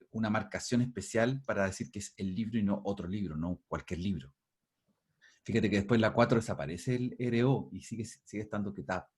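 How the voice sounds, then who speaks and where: A man's voice: fairly low pitch, a little mellow, slightly rough. A man teaching a linguistics class over a video call, explaining patiently and often restarting his words. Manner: explanatory, restarts and repeats words while thinking.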